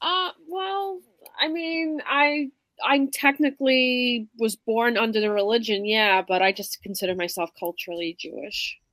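A woman's voice: a little high, measured pace, a bit bright. A woman from Brooklyn with a Brooklyn accent, chatting casually. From Brooklyn, New York. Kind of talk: casual chat.

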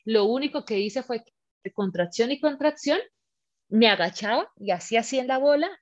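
A woman telling a personal story in casual chat, animated and acting out the scenes with her voice. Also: a little high, normal speed. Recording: slightly muffled lo-fi recording.

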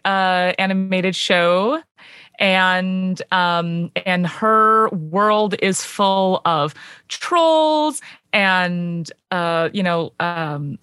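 A woman guest on a podcast, chatting casually in an unhurried way with many pauses and ums. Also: medium pitch, bright, forceful tone, clean tone, no room sound, studio quality. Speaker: guest musician.

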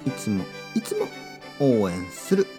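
A man hosting a podcast for Japanese learners, speaking simply with lots of repetition and a playful, expressive delivery. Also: a little slow, music in the background. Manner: clear, simple phrasing for learners with repeated words; expressive and playful, with sudden pitch jumps. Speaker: podcast host and Japanese teacher.

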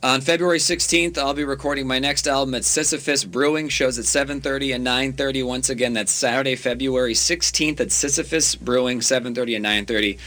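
Male radio host, casual, bright forward voice. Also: medium pitch, steady tone, a little fast, few pauses. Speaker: radio show host and stand-up comedian.

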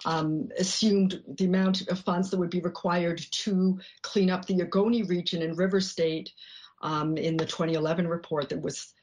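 A woman researcher answering interview questions in a measured way, often pausing with "um" and "you know.". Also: on the low side, steady tone, a little mellow. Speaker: researcher guest.

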